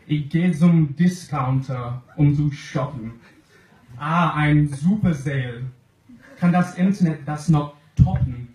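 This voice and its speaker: A man's voice: fairly high pitch, darkish tone. A young man from England with an English accent, speaking a second language and reading a comic slam poem from a sheet on a club stage. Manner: reads from a sheet, slow and deliberate. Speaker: poetry slam performer. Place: small club stage with audience. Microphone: stand mic, filmed from the crowd. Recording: roomy club audio, faint noise.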